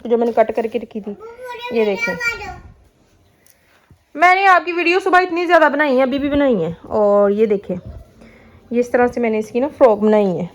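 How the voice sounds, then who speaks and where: A woman's voice: fairly high pitch, expressive, normal speed, long pauses, lo-fi sound. A woman from Pakistan chatting casually to her viewers in a home vlog, showing her cooking and sewing and talking to her children. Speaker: family vlogger. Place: home kitchen and rooms.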